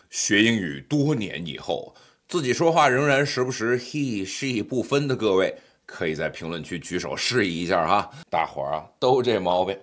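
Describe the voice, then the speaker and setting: This scripted voice-over comes from a middle-aged man teaching English pronunciation, his voice low-pitched yet fairly bright. Along the way he throws in playful, joking asides to the viewer.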